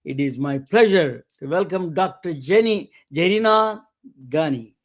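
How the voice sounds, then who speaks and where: A man hosting a webcast, introducing guests in a halting way with many restarts and fillers. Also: fairly high pitch, expressive. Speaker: webcast host. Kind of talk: casual interview introduction.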